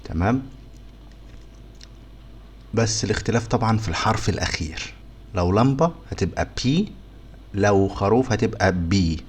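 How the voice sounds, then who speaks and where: Very deep-voiced Egyptian man teaching phonics. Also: animated, breathy edge. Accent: Egyptian Arabic. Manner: sounds out letters slowly and repeats words. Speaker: English teacher. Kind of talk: phonics lesson for beginners.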